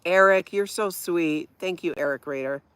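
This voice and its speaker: Reading chat on her livestream, this middle-aged Hawaiian woman with a faint Minnesota accent chats casually and laughs frequently at viewer comments. Her low-ish voice moves at a normal speed, sounding a bit bright and clean in a dry recording.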